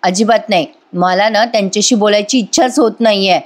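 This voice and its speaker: A woman's voice: medium pitch, a little fast, close to an everyday voice. A woman voicing a stubborn young husband who refuses firmly and complains about his family. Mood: resentful. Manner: firm, complaining.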